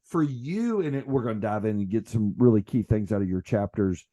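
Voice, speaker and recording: A man's voice: lowish voice, expressive, fairly quick, dark tone. A man hosting a podcast interview, asking eager questions and affirming his guest. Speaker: podcast host.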